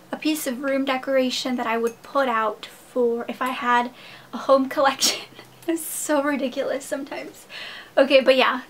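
A woman vlogger chatting casually to her viewers, gushing and fast-talking. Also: high-pitched, slight background noise. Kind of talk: casual haul video talk. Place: home room.

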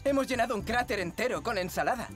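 A jittery cave boy, voiced by an actress in a cartoon dub, high and swooping, shrieking in dramatic fright over loud background music. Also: animated, quick pace, lightly acted. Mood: anxious. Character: nervous cautious cave boy, dramatic worrier. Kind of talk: Spanish cartoon dubbing.

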